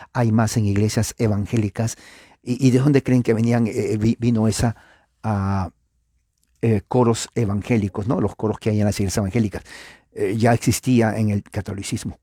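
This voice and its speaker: A man's voice: fairly low pitch, mellow, no room sound, studio quality. A man teaching church history in an informal lecture, asking his listeners rhetorical questions and using frequent filler sounds. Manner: speaks directly to viewers.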